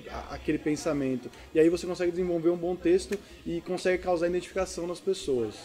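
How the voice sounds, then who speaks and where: A man's voice: sits high, fast talker, dark tone. A man with a Brazilian accent, a stand-up comedian, talking casually and reflectively in an interview.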